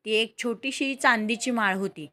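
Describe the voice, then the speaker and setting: Calm female storyteller. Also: a little high, moderate pace. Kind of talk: scripted story narration.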